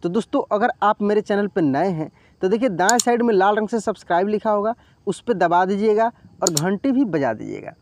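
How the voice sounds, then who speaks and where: A man teaching reading in an online lesson, patiently spelling words out slowly, syllable by syllable. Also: high voice, lively intonation, noisy background.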